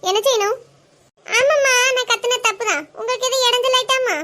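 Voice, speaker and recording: A defiant young daughter-in-law from a cartoon, speaking with a Kanyakumari Tamil accent. She fires back curt, exasperated retorts in a very high, bright voice. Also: a little fast. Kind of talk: cartoon voice acting.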